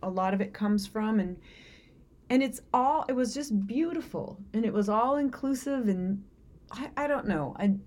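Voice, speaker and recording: A woman's voice: fairly high pitch, expressive, normal speed, darkish tone. A woman with a Southern accent, co-hosting a casual podcast chat, earnest and rambling with restarts.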